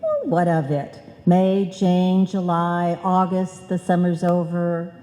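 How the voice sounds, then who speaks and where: A slow, mellow, fairly low female voice with big pitch swings belongs to an actress playing a chatty, scatterbrained housewife in an old-time radio comedy, eager to make money and earnestly muddling her words with malapropisms. She's in a mood of excited scheming, recorded live in an echoey hall.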